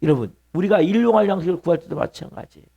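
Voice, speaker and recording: A man's voice: high-pitched, very fast, vocal fry, dark tone. A middle-aged man preaching a sermon as pastor of a church, repeating key words and putting questions to the congregation. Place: church sanctuary.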